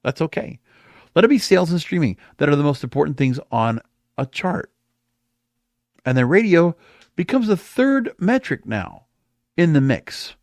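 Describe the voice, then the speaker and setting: Speaking at a moderate pace with frequent pauses, this American host sounds very animated, his slightly high voice carrying a touch of mellowness. He offers emphatic, opinionated solo commentary on the music industry, drawing out words for emphasis, in studio-quality audio with no echo.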